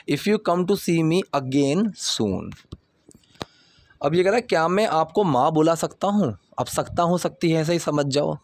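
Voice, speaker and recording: A man teaching English by explaining movie subtitle lines, reading each example sentence slowly and deliberately. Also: on the high side, darkish tone.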